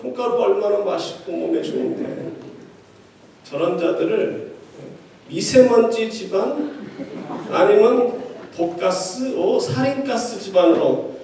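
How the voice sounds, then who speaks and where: A man's voice: sits high, expressive, a little slow, long pauses, warm tone, slight background noise. A man preaching a sermon as pastor in a church, talking to the congregation in a chatty, joking way. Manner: conversational preaching with quips to the congregation. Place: church sanctuary. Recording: echoey hall, distant mic.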